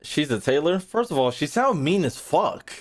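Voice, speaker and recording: Reacting to a game on stream, a young American man chats loosely with plenty of slang and cursing, tending to ramble and say things twice. His voice is slightly high with wide pitch swings, and he keeps a moderate pace.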